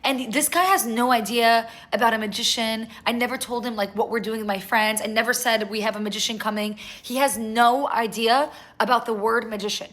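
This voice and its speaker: A young woman casually telling a story to her viewers, chatty and animated, with lots of "like". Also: on the high side. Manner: chatty, animated, fast-paced retelling with lots of "like". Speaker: vlogger.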